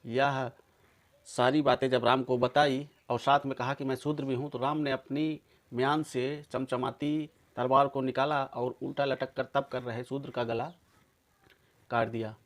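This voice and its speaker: A man's voice: mid-range voice, level tone, measured pace. Guy giving a heated angry rant to his viewers, hammering every point. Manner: forceful, accusing, emphatic. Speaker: video commentator. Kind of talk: polemical monologue to viewers.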